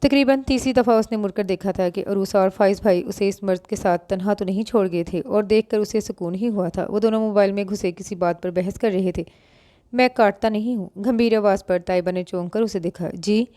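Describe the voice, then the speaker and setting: A woman narrating a novel in a steady, even storytelling voice. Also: medium pitch, a little fast, few pauses, no echo, clean studio sound. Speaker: audiobook narrator.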